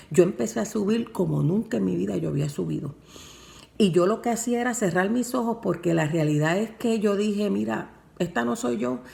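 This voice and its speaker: A woman's voice: lowish voice, creaky, a little mellow. A woman preaching a sermon and telling her own testimony, with emphatic repeated phrases and fervent delivery. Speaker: preacher and worship singer.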